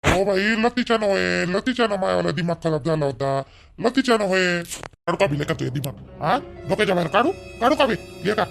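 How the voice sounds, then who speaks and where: A man playing an angry young son-in-law who demands money, shouting and rough. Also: high voice, lively intonation, fairly quick, soft background music, heavily acted. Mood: scolding.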